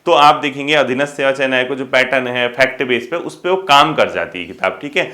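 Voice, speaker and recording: Man giving exam advice, bright voice. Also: mid-range voice, fairly quick. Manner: addresses students as kids, frequent rhetorical questions. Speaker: exam coaching teacher. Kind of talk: casual spoken exam advice.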